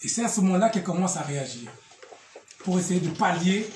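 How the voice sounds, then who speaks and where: A middle-aged man from Belgium, a guest speaking earnestly in an interview, halting and repeating words as he searches for them. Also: high-pitched, lively intonation, darkish tone, slight background noise. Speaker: guest, association representative. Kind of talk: earnest testimony in a talk show interview.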